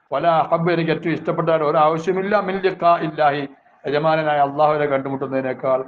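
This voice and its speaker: A religious teacher, going through Arabic phrases and explaining them in a measured voice. His voice sits a touch high for a man. The sound is narrow and phone-like, with a faint hiss underneath.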